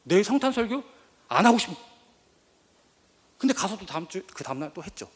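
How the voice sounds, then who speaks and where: A male youth pastor preaches at a quick clip, his fairly high voice leaping up and down as he tells his story with feeling. The long reverb of a large church sanctuary hangs behind every phrase. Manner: emotional, animated storytelling, rising to near-shouts. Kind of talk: sermon with personal testimony.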